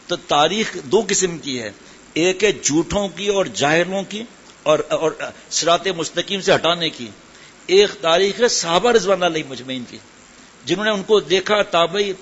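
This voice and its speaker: Guy preaching a sermon to a crowd, kinda high voice, keeps asking the listeners stuff, muffled lo-fi audio. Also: fairly bright tone. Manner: questions the audience directly, mixes in English words. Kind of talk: religious sermon to a live gathering. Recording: dull lo-fi sermon recording.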